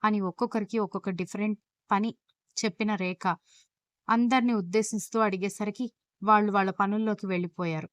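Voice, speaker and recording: A woman storyteller reading a scripted audio love story aloud at a steady pace. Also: medium pitch, brisk, clear, resonant tone, dry recording.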